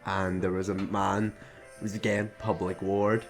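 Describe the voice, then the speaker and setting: A man's voice: low-pitched, a little slow, faint music behind. A young man, co-hosting a casual podcast chat and acting out people in his stories. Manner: animated storytelling, acting out voices, laughing often. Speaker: podcast co-host.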